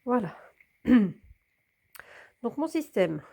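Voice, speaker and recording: A soft-spoken plant vlogger with a cold, a bit congested, narrates casually while filming her hands-on work, dropping into whispers. Her voice is a little high, sing-song, gravelly, and extremely slow.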